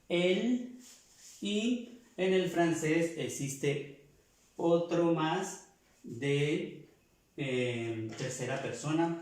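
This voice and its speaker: A man's voice: mid-range voice, a little mellow, recorded from a distance. A man teaching a language lesson, explaining pronunciation patiently and repeating each sound several times. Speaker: French teacher. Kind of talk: slow classroom explanation. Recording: echoey room, voice from off-mic.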